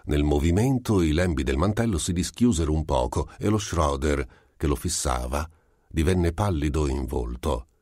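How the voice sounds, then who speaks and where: A man narrating a short story as an amateur audiobook reader, with steady, even storytelling. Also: very deep voice, normal speed, no room sound, studio quality.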